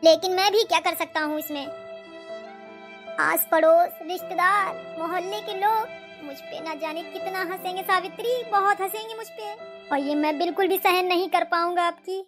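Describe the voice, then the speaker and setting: A woman's voice: very high-pitched, normal speed, music in the background. A woman voicing a worried, secretive middle-aged father in a cartoon story. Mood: defensive. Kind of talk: cartoon voice acting.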